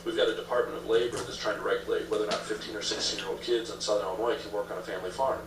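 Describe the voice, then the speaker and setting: In what sounds like a political interview, a candidate-like man with a fairly low voice talks quickly and emphatically, repeating his phrasing with fairly even intonation. The distant mic catches echo from a roomy space and a noisy background.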